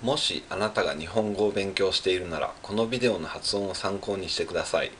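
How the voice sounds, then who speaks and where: Speaking fast in a deep, somewhat bright voice, this Japanese man drills French pronunciation syllable by syllable, then repeats it in Japanese. He has a Japanese accent and is practicing alone as a French learner. There's slight background noise.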